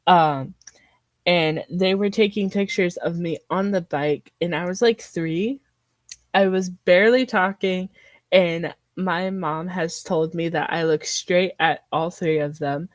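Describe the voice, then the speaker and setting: A woman's voice: fairly low pitch, slow, dry recording. A young woman co-hosting a podcast, chatting casually and telling a story with frequent laughs and filler words. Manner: chatty storyteller, laughs often, says "anywho". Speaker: podcast co-host. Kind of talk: casual chat.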